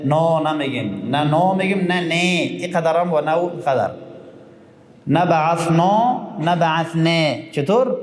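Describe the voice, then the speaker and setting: A man teaching Quran recitation, explaining rules and chanting verses slowly. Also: fairly high pitch. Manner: explains slowly, then chants verses in long drawn-out tones. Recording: echoey room with long reverb.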